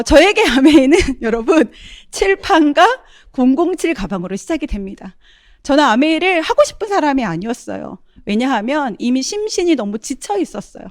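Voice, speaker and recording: A woman's voice: high-pitched, dry recording, clean studio sound. A middle-aged woman giving a testimonial talk, often turning to address her audience as she tells her story.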